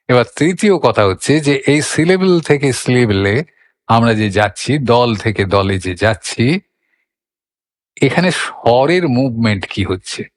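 Older male recitation teacher, patient explainer, middle pitch, long hall reverb. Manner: patient, explanatory, asks and answers his own questions. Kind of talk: recitation lesson.

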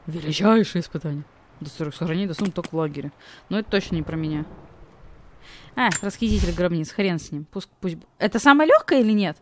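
A woman's voice: fairly low pitch, lively intonation, quick pace, a little hiss or hum. A woman giving casual let's play commentary with informal, rambling asides. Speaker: game streamer.

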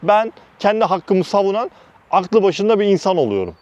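Brief: man from Turkey, vlog storyteller, high voice that swings widely, blunt and heated retelling. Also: normal speed, highs cut off. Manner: heated, animated retelling with constant "dedim" between quoted phrases; blunt, uses mild swearing. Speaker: vlogger recounting work experiences. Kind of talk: casual storytelling.

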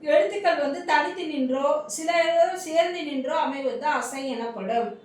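A high-pitched woman teaches a grammar lesson, repeating each point and quizzing her listeners before answering. Her voice rings through a very echoey room, picked up from a distance with a faint hum of ambience behind. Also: moderate pace. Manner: repetitive, quizzing questions then answering them. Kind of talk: classroom lesson. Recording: echoey room, mic far off.

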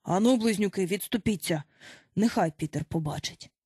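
A solemn young boy from a storybook, put on by a woman narrator. He speaks low, slow and quiet, with a steady, dignified gravity. The tone carries a slight husky breathiness. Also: no echo, clean studio sound. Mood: grave. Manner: lower, quiet and grave, dignified. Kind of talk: audiobook character voice.

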